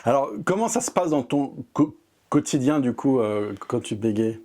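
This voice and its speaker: A man interviewing a guest in a relaxed, informal, friendly way. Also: mid-range voice, moderate pace. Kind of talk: casual interview.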